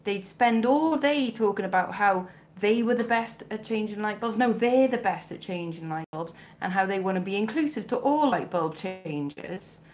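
Speaking at normal speed with hardly any pauses, a woman in her thirties from South Wales uses a medium-pitched, expressive and slightly mellow voice with a mild Welsh accent. She resells vintage clothing and hosts a home live stream from her bedroom with shelves, recorded close on a webcam or phone. Replying to comments, she is chatty and self-mocking, tossing in jokey asides.

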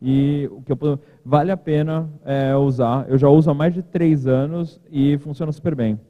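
A man speaks casually from a podium, his slightly high voice ringing out in a big reverberant hall. The sound is thin and narrow, almost like a phone line. He talks in a loose, informal way with joking asides. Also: steady tone, normal speed. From Brazil. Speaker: conference keynote speaker. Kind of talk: casual conference talk. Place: large conference hall, at a podium.

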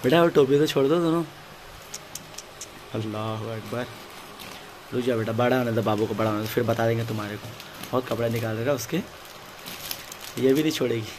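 A young man talking fondly and chattily to the camera at home, gently scolding a toddler. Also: mid-range voice, quick pace. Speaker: family vlogger. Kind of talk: casual home vlog chat. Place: home room with babies. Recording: noisy home phone recording.

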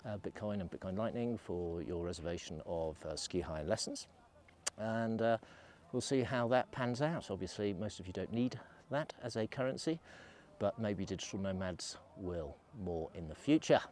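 A middle-aged man chats and rambles through a casual vlog while skiing, recording himself on a selfie camera at arm's length on a snowy slope. His pitch is fairly low, his intonation lively, and his pace moderate.

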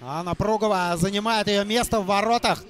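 A man doing live hockey play-by-play, halting and repeating phrases for emphasis. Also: sits high, fairly bright tone. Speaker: hockey commentator. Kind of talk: live play-by-play sports commentary.

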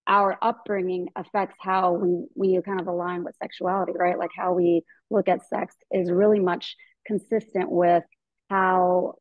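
A woman in her forties, a gynecologist guest in a webinar, talks earnestly and keeps restarting her sentences. Her voice sits a little low. The video call audio is dull and dry. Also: dry recording. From American South. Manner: earnest, thinking aloud with many fillers and restarts. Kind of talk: webinar interview. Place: indoor room at home.

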